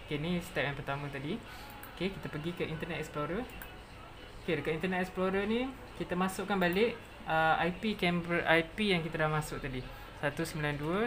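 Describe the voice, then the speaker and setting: A presenter with a Malaysian accent walks through a software tutorial step by step, dropping in English technical terms. The voice is mid-range, and there's background noise.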